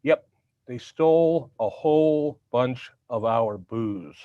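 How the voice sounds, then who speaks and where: A man's voice: medium pitch, animated, slow pace, no room sound. Slurred male host, dull lo-fi sound. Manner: slurred speech, as with a half-numb mouth. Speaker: host, institute president. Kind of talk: casual humorous show introduction. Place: online video call show.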